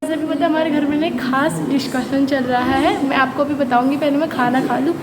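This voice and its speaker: A woman's voice: high voice, fairly even intonation, fairly quick, noisy background. A young woman chatting casually in a home vlog, rambling and apologetic, with a sore throat. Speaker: vlogger. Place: family home, indoors.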